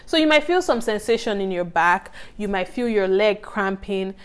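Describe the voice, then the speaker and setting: Woman giving a relaxed, chatty lesson. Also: medium pitch, moderate pace, clean tone. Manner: conversational and reassuring, often checks in with "right?"; many fillers and restarts. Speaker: childbirth course instructor. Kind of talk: casual online course lecture.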